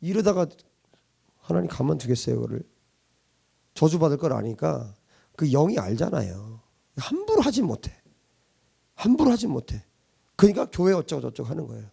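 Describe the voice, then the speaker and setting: A man preaching a sermon to a congregation as their pastor, asking rhetorical questions and swinging between loud and hushed delivery. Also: fairly high pitch, very animated, normal speed, vocal fry, long pauses, slightly rough. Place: church congregation.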